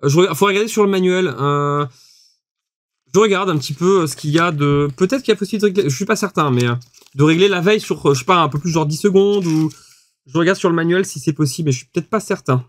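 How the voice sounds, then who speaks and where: A man hosting a casual product review, chatty and quick to laugh, with lots of fillers. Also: fairly high pitch, no echo. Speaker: host testing equipment.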